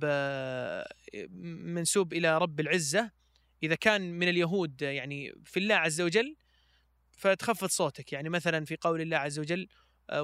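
Bright high-voiced man from Switzerland. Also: clear, resonant tone, no echo. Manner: slow drawn-out chanting in recitation, hesitant fillers when chatting. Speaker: podcast guest, Quran reciter. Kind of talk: melodic Quran recitation and casual chat.

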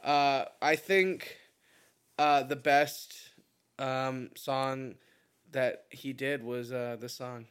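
A man's voice: mid-range voice, steady tone, very slow, a bit bright, clear, resonant tone. A man co-hosting a podcast in a casual, joking, self-mocking chat. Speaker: podcast co-host.

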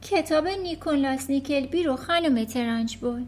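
A small, clever girl speaks softly and politely, hesitating before she answers, as a woman reading the story puts her on. The voice sits very high and soft. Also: lightly acted. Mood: timid.

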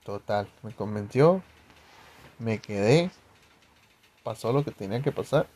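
A man's voice: lowish voice, animated, unhurried, a little mellow. Slangy young Mexican guy telling a story. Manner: slangy, profane, rambling storytelling. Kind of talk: casual personal anecdote.

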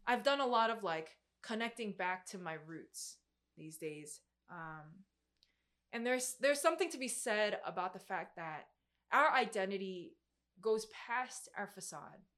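A woman of about twenty-five, speaking at medium pitch with a bit of brightness, preaches to a group. She explains the Bible in a chatty, emphatic, informal style that leans on youthful slang.

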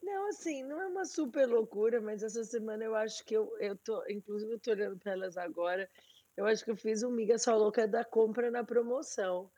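A woman co-hosting a casual podcast chat, her tone chatty and self-amused. Her voice is a little breathy, and the recording is dry with no room sound. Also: on the high side, a little fast, mellow, no echo. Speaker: podcast co-host.

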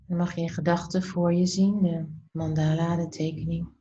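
A woman leading a slow guided meditation in a soft, soothing, unhurried voice that turns breathy at the ends of phrases, with pauses between short phrases. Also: fairly low pitch, level tone, highs cut off.

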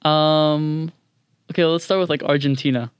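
A man's voice: fairly high pitch, steady tone, moderate pace, smooth, dry recording, dull audio. A young man with a standard American accent, chatting informally as an interview guest and poking a little fun at himself. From several countries across Latin America, Asia, Europe and the US. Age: young adult. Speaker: podcast guest, international student. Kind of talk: casual interview chat.

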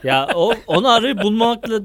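A man co-hosting a casual podcast chat, animated and quick, laughing often. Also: high-pitched, dry recording. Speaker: podcast co-host.

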